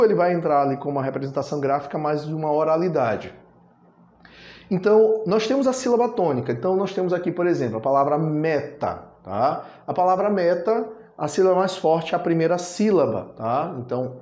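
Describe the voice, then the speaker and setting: A man's voice: a little high, animated, a little fast, a little mellow, echoey room, highs cut off. A Brazilian man teaching a grammar lesson, affectionately calling his students "my loves" and drawing out filler sounds. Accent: Brazilian Portuguese.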